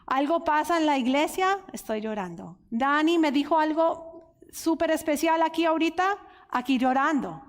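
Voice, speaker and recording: A woman's voice: sits high, animated, moderate pace. A woman teaching the Bible at a women's conference, earnest and openly emotional, speaking straight to her listeners. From United States. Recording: reverberant hall.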